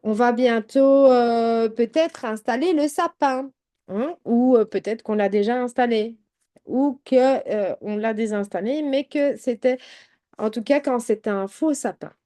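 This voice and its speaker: Chatty woman, mellow voice. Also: on the high side, measured pace. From Belgium. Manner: chatty, addresses viewers directly with many fillers. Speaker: home-products sales adviser. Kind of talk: casual product presentation.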